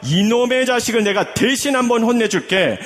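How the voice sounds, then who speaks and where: A man's voice: very high-pitched, animated, normal speed, voice pushed up. A preacher plays a devoted husband who soothes his worn-out wife. His voice moves tenderly and expressively, grateful and wholly on her side. A long hall reverb rings behind him. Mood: fervent. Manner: gentle, soothing, then fervently grateful. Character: doting, sympathetic husband comforting his wife.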